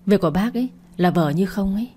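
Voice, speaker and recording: A woman voicing a calm, scheming young man with a quietly sardonic way of speaking. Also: mid-range voice, quick pace, natural voice.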